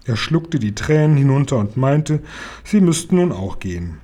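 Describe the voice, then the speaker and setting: A man reading a children's story aloud in a lively, characterful way. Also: medium pitch, normal speed. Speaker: audiobook reader. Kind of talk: storytelling narration.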